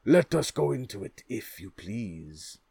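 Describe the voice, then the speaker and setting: A man's voice: fairly low pitch, big pitch swings, a little slow, gravelly, breathy edge, no room sound, heavily acted. A man doing an exclaiming, astonished king. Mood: amazed. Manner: exclaiming, loud. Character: astonished, gushing old male king.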